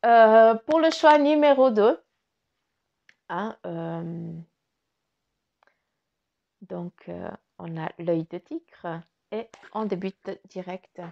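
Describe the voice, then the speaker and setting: A woman chats her way through a spiritual card reading, loose and informal and quick to curse. Her voice sits at an ordinary middle pitch and often sinks into quiet murmurs. The recording sounds dull and a little lo-fi. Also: gravelly. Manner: chatty, swears casually, drops to murmurs. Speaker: card reader.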